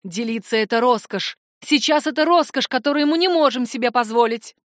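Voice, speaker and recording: A woman voicing a stern, fearful middle-aged mother who scolds in a sharp, commanding way. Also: on the high side, fairly quick, no room sound, studio quality, natural voice. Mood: fierce.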